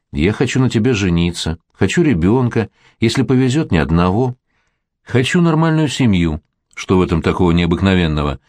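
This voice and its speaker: A man's voice: low-pitched, a little mellow, no echo, studio quality. A man in his thirties voicing an earnest, shy actor who wants a family, in an audiobook. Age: 30s.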